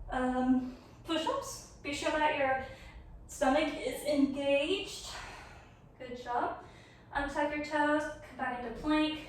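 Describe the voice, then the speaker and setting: Breathless woman cueing a vinyasa class. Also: high-pitched. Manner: encouraging cues, light laughs. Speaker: yoga instructor. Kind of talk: guided vinyasa yoga class. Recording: echoey room, far from mic, faint noise.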